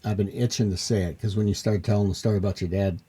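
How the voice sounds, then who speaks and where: A man's voice: fairly low pitch, steady tone, fast, warm tone, slight background noise. A man co-hosting a podcast, chiming in easily during a casual chat.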